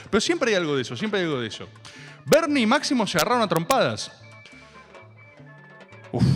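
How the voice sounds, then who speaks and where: A man's voice: fairly high pitch, sharp tone, big-room sound. A man with a Rioplatense Argentine accent, hosting a stream of ironic political commentary full of rambling asides. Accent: Rioplatense Argentine Spanish. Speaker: host.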